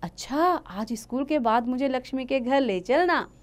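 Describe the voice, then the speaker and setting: A woman doing a brisk school teacher. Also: high-pitched, expressive, voice pushed up. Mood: concerned. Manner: brisk, concerned.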